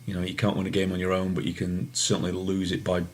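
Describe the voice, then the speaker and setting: Manchester man, forties, interviewee; very low voice, halting delivery, faint hum behind. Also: monotone. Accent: English, Manchester. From England. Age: 40s. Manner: hesitant, many ums and restarts. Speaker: interviewee, soccer referee. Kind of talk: casual interview answers.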